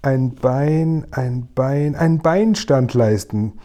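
A man reading aloud, voicing a huge gentle male giant who talks slowly and mangles his words. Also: a little high, animated, pitched above the performer's own voice, lightly acted. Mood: beaming. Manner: slow, beaming, stumbling over words.

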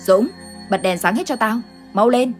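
A woman voicing a stern older village uncle who fights ghosts, gruff and commanding, in an audio ghost story. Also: on the high side, moderate pace, faint music behind, pitched above the performer's own voice, lightly acted.

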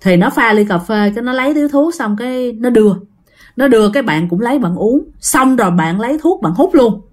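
A woman's voice: a little high, expressive, fairly quick. A woman telling a ghost story in a chatty way, often addressing her listeners directly. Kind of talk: casual ghost-story narration.

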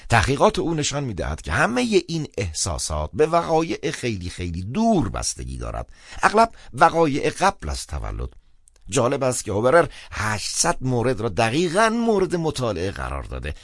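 A man's voice: wildly swooping pitch, gravelly, dry recording, heavily acted. A man voicing a garrulous old male theologian servant who lectures and chuckles slyly, in a dry studio narration. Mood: lecturing. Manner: lecturing, chuckling, speaks with raised pitch.

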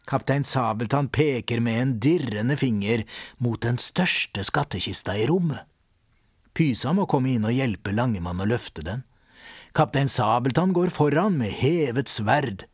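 A man narrating a children's audiobook in a lively storytelling manner. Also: mid-range voice, husky, no echo. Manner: lively storyteller, voices all the characters.

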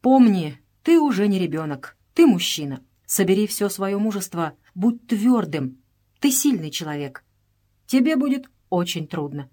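A woman's voice: medium pitch, sing-song, normal speed, dark tone. A woman reading aloud and voicing a grieving grown man who speaks solemnly in a trembling voice. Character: grieving grown man, grave, steady elder brother.

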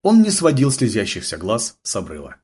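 Husky, lively male audiobook narrator. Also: lowish voice, fairly quick. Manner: vivid, dramatic storytelling.

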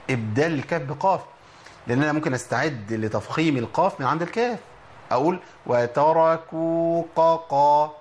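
A man with an Egyptian accent teaching Quran recitation in a lively lesson, quizzing listeners and slowly sounding out letters. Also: medium pitch, slight background noise. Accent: Egyptian Arabic. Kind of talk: spoken tajweed lesson.

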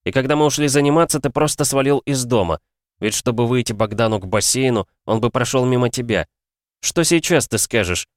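A man's voice: mid-range voice, a little fast, no room sound, pitched above the performer's own voice, lightly acted. A defiant young man confronting his father, his voice lifted and urgent, as a narrator puts him on. The sound is dry and close. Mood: accusing. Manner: accusing, raised and intense.

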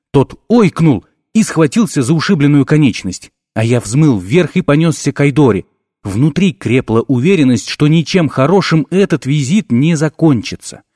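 Expressive male audiobook narrator. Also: mid-range voice, dry recording, studio quality. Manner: expressive, lively storytelling. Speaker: audiobook reader. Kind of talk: scripted fantasy narration.

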